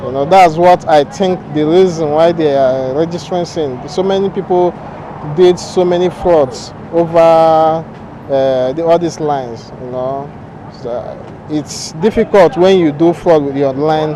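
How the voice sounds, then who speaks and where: A man's voice: fairly high pitch, unhurried. A man giving his opinion in a street interview, chatty and hesitant. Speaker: interviewed passer-by. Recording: street interview with crowd noise.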